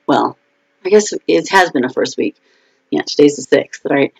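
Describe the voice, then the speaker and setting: A woman's voice: low voice, lively intonation, moderate pace, gravelly, slightly rough, rough recording. A woman author chatting casually on her own live video stream, talking through frustrations with fillers and restarts.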